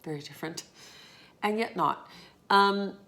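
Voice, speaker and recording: A woman's voice: mid-range voice, measured pace, a bit bright, slight background noise. A woman talking candidly in a casual late-night vlog, reflective and tired after a long day, swearing now and then. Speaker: vlogger.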